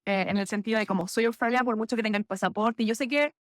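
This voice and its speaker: Racing through her stories in a slightly high voice, a young physiotherapist from Chile chats as a podcast guest with a Chilean Spanish accent. She's animated, laughing and correcting herself, and the studio audio is clean and free of echo.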